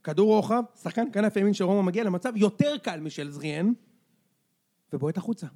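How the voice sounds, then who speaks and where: Excitable high-pitched man. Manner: excitable, quick to laugh and jump in. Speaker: podcast co-host. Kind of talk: casual sports chat.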